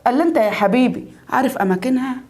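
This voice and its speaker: A woman's voice: fairly high pitch, animated, racing, darkish tone, lightly acted. A woman with an Egyptian accent playing a suspicious, scheming mother-in-law who nags her son. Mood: nagging. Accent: Egyptian Arabic. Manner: nagging, needling, scolding.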